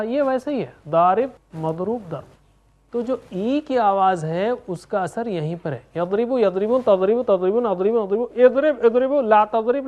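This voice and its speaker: A man teaching Quranic Arabic in an animated classroom lesson, chanting verb conjugations in a steady rhythm and urging his students along. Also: high-pitched.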